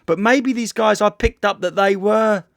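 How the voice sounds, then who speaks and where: A man's voice: sits high, moderate pace, vocal fry, no echo. A man chatting casually on a podcast, rambling and swearing, often trailing off mid-sentence. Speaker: podcast host. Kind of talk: casual chat.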